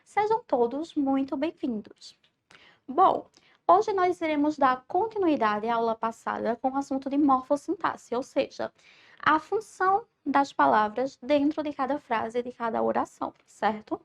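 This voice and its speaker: A woman's voice: sits high, expressive, creaky. A woman from Brazil, a teacher giving a recorded online school lesson, explaining patiently and often checking in with "certo?". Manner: stresses syllables slowly when spelling out words.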